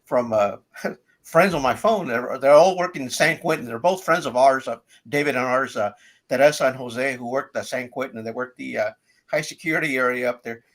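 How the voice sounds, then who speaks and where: A man's voice: medium pitch, brisk, fairly bright tone. A man with a mid-range voice hosts a casual interview. He speaks hesitantly and leans on filler words while he frames his questions. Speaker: podcast host.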